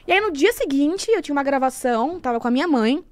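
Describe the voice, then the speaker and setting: Fast, high-voiced Brazilian young woman. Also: dry recording. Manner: animated, acts out quoted dialogue, frank and swears freely. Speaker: guest. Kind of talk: casual chat, personal storytelling.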